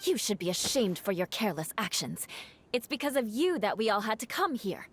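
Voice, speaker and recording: A woman's voice: medium pitch, sing-song, a little fast, slight background noise. An actress playing a proud, cool young noblewoman fighter who speaks in a dry, cutting tone, in game voice acting.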